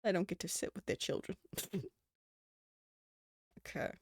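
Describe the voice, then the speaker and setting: The speaker is a New Zealand-accented streamer whose medium-pitched voice runs a little slow with a breathy edge. Recorded dry at studio quality, they chat casually on a live stream, rambling, swearing and laughing often.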